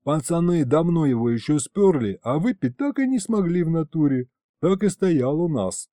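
A man's voice: on the high side, sing-song, moderate pace, mellow, no echo, studio quality, pitched above the performer's own voice. A man doing a slangy street-tough imp henchman. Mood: cocky. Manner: gangster slang, whiny.

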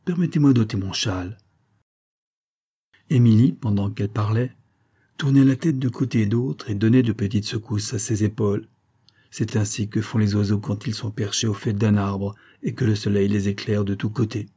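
A man narrating a classic short story in a measured, even storytelling delivery. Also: fairly low pitch. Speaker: audiobook narrator.

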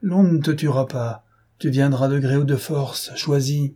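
A man's voice: mid-range voice, a little slow, dark tone, breathy edge, voice pushed up. A man reading an audiobook aloud, voicing a ferocious male bandit chief who threatens and taunts in a raised, harsh voice. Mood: menacing.

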